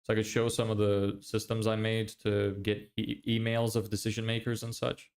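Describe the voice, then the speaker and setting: A man's voice: lowish voice, completely flat delivery, moderate pace, gravelly, a little mellow. Casual man answering chat live. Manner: reads chat questions aloud, then answers loosely. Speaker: streamer answering chat questions.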